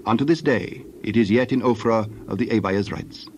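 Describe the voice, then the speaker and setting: A man narrating scripture from a script in a measured, formal manner. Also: lowish voice, darkish tone, slight background noise.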